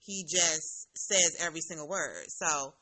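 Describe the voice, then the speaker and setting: A woman's voice: sits low, a little slow, pushed and bright, a little hiss or hum. A woman hosting a casual interview, chatty and emphatic, laughing often. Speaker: interview host.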